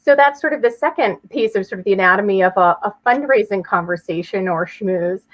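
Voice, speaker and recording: A woman's voice: medium pitch, a little fast. A woman speaking as an interview guest, explaining things conversationally and chattily with everyday examples. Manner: chatty, illustrates with hypothetical examples. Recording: slightly dull, lo-fi audio.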